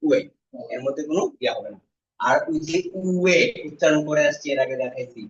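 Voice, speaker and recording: A man with a somewhat high voice teaching a classroom lesson and sounding out syllables one by one so the students can repeat them. He is recorded from across an echoey room, and the sound is muffled. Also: brisk, recorded from a distance. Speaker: Korean language teacher.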